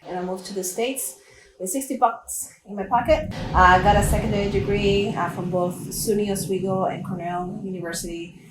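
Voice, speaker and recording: A woman's voice: mid-range voice, steady tone, normal speed. A woman from Puerto Rico, a company CEO, explaining her business in an earnest, businesslike way in an interview. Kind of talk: recorded interview. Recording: echoey room, distant mic, background noise.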